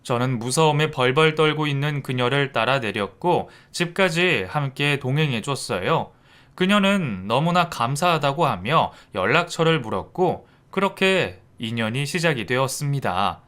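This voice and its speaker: A man narrating a personal story in the first person, in a calm, reflective, confessional way. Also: mid-range voice, moderate pace, smooth.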